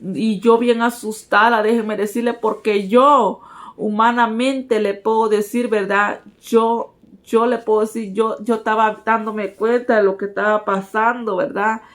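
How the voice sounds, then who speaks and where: A woman's voice: on the high side, fairly even intonation, a little slow. A woman giving a personal religious testimony, earnestly speaking to her listeners as brothers and sisters.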